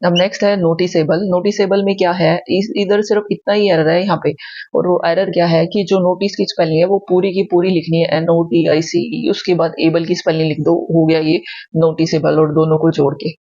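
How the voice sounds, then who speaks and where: A patient woman teacher runs a spelling lesson for exam prep, spelling words out letter by letter and often checking comprehension with phrases like "ठीक है?". Her fairly low, mellow voice stays level and moves fairly quickly. The recording is lo-fi with no room sound.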